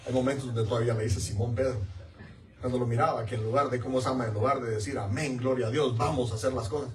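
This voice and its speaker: A man preaches with emphasis, circling back to repeat his key words and drawing answers from the room. His voice sits at an ordinary middle pitch and rings around a reverberant church hall, picked up from a distance with a faint hiss underneath. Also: fairly even intonation, fast. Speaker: pastor. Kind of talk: sermon. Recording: echoey room, mic far off.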